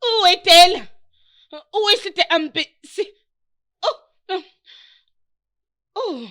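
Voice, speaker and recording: A woman dubbing a hot-tempered young bride, later a caring sister, in a French-dubbed film drama, scolding in sharp outbursts. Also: very high-pitched, takes it slowly, full character voice. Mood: furious.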